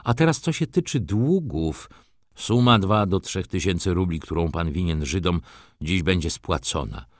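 A man voicing a fussy, easily flustered elderly nobleman who pleads slowly and emotionally. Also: deep voice, lively intonation, no echo, clean studio sound. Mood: wheedling. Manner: pleading, wheedling, slow and emotional.

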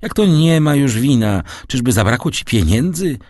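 A man's voice: medium pitch, sing-song, measured pace, dry recording, studio quality, voice pushed up. A man voicing Edmund Dantès, an earnest young sailor. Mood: anxious. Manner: earnest and urgent.

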